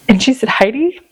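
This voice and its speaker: A woman from the Seattle area telling a personal faith story in casual conversation, animated and acting out her own prayers. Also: mid-range voice, vocal fry, breathy edge, poor audio. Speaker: podcast guest.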